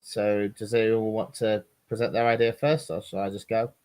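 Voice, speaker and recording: A man at a tabletop game explaining the rules and pitching an idea, hesitant and a little apologetic. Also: little pitch movement, moderate pace, darkish tone. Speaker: player.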